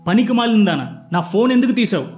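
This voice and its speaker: A man's voice: sits high, animated, quick pace, darkish tone. A man reading the angry, curt lines of a hot-tempered young man in a spoken story.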